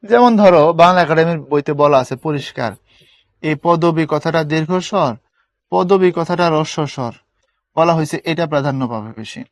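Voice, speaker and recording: A man's voice: fairly high pitch, moderate pace, no echo. A young man teaching an online spelling class, casual and coaxing, often checking whether students understand. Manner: colloquial, coaxing, keeps asking students if it is clear.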